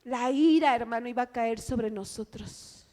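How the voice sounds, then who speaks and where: A woman's voice: a little high, measured pace, dark tone. A woman preaching an impassioned sermon in a church, often calling the congregation "brother" and asking them rhetorical questions. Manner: impassioned, keeps addressing the congregation as "hermano"; asks the listeners rhetorical questions.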